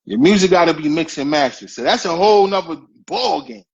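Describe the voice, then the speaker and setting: New guy hosting a live chat, husky, keeps repeating his points, muffled stream sound. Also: sits high, big pitch swings, a little fast. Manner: emphatic, advice-giving, repeats phrases. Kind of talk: casual podcast chat. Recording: dull lo-fi stream audio.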